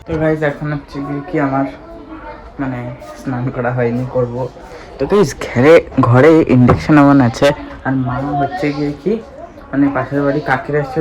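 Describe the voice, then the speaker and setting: A man's voice: medium pitch, a little hiss or hum, poor audio. A young man vlogging his day at home, chatting casually to viewers with lots of fillers. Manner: chatty, filler-heavy, addresses viewers as guys. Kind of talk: casual daily vlog. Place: home and outdoors. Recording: home recording with loud background ambience.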